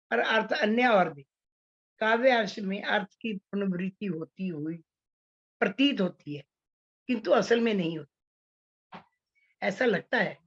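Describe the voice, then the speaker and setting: A woman teaching poetry, explaining figures of speech slowly with many fillers and restarts. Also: medium pitch, muffled recording. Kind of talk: online class on Hindi poetics.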